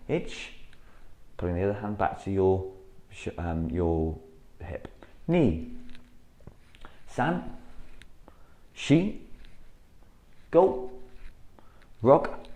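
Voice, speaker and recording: A man teaching a karate class, patiently explaining each move step by step and calling out loud counts for drills. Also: sits low. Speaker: karate instructor. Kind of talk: martial arts class instruction. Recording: echoey room.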